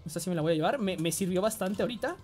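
Mexican guy streaming a shooter, excitable, swears a lot, faint music behind. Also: high-pitched, very fast. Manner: excitable, swears, frequent yelling. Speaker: game streamer. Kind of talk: live gameplay commentary.

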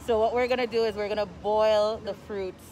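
A woman's voice: mid-range voice, steady tone, brisk, a crowd in the background. A woman in her thirties with a Crucian accent from the US Virgin Islands, vlogging casually into a phone held at arm's length. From St. Croix, US Virgin Islands. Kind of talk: casual vlog chat. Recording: noisy handheld phone recording.

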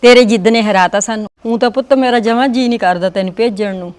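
A woman playing a worried Punjabi mother who gently advises her son leaving for work abroad, with faint music under the dialogue. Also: a little high, quick pace, natural voice. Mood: pleading.

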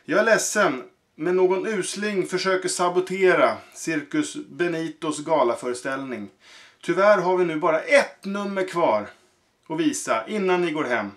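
A man's voice: a little high, animated, a bit bright. A man reading aloud and voicing a pompous male circus ringmaster with grand announcing delivery. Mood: apologetic.

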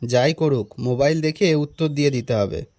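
A man's voice: mid-range voice, normal speed, darkish tone, no echo, clean studio sound, pitched below the performer's own voice, natural voice. A man voicing a bumbling male schoolteacher who bluffs his way through class, muttering nervous asides to himself. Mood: flustered. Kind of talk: animated cartoon voice acting.

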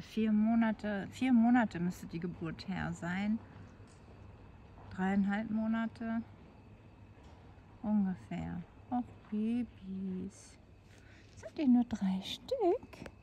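A chatty older woman vlogging casually, often dropping to a soft whisper as she talks to cats and dogs, filmed on a handheld phone. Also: mid-range voice, gravelly, a little hiss or hum. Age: 60s. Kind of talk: casual vlog chat. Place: outdoors, then at home at night.

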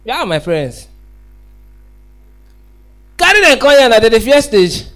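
A young Nigerian man with a Nigerian accent doing stand-up comedy on a theatre stage, teasing the audience loudly through a handheld mic. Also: extremely high pitch, sing-song, measured pace. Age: young adult. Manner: loud, teasing banter with the crowd. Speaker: stand-up comedian hosting his own show. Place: large indoor theatre stage with live band. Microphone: handheld microphone. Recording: live stage with loud crowd and music. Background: music and crowd.

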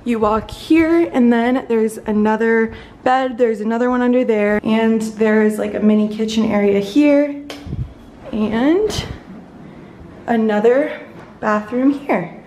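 A young woman travel vlogger gives an enthusiastic, chatty tour of a holiday villa, indoors and out on open terraces, filming herself on a phone at arm's length and constantly saying "like." Her voice is on the high side, slow and a little mellow, with a little hiss or hum in the audio.

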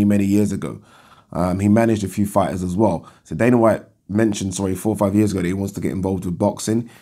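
A man in his thirties with a croaky, just-woken voice, giving casual commentary to camera in a conversational way. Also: lowish voice, a little mellow. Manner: conversational, rhetorical questions with 'right?' tags. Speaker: boxing talk show host. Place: indoors, small furnished room.

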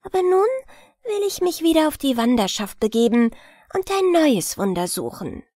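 A woman voicing a small, eager dwarf princess in a storybook, high and sweetly pleading. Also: very animated, moderate pace, warm tone, no room sound, clean studio sound. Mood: grateful.

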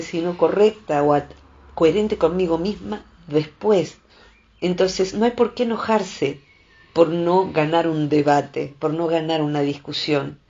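A woman's voice: lowish voice, dull audio. A woman psychologist with a Rioplatense Spanish accent gives reflective advice, acting out the voices she quotes. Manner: expressive, acts out quoted voices. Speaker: psychologist and columnist.

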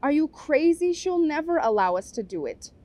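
A woman's voice: high-pitched, very animated, normal speed, a little mellow, pitched above the performer's own voice. A woman voicing a blunt, skeptical young village woman who speaks doubtfully.

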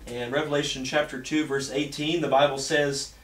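A man's voice: mid-range voice, level tone, normal speed, a bit bright. Guy preaching, lots of uhs and restarts, sounds a bit far off in a roomy church. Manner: earnest preaching with frequent fillers and restarts. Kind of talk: sermon. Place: church sanctuary. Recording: echoey church room, mic at a distance.

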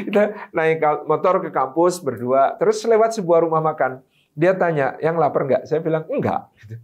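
A man giving a relaxed, humorous religious talk about marriage, chatting with his listeners and acting out bits of dialogue. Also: on the high side, moderate pace. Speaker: Islamic preacher. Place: study gathering.

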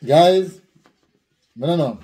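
Mellow Jamaican man, heavy but raised pitch. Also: takes it slowly. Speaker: couple vlogger playing a challenge game. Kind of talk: casual playful banter. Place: home room, indoors.

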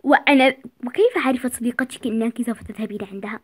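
A woman's voice: sits high, a little fast, lightly acted. A woman voicing a stern, worried father who scolds his daughter with anxious questions. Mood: angry.

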